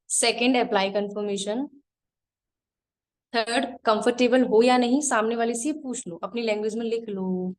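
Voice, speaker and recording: In a live online session, the female trainer speaks in a fairly high register. Plain and practical, she takes her points one at a time, saying each again slowly so the class can get it on paper.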